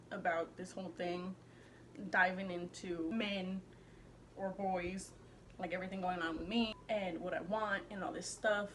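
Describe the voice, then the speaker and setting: Girl vlogging, slight lisp cause of her retainer, rambly slangy chat, swears a bit, some faint background noise. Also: mid-range voice. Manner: slangy, sweary, animated self-interrupting delivery. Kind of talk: casual, rambling chat to camera.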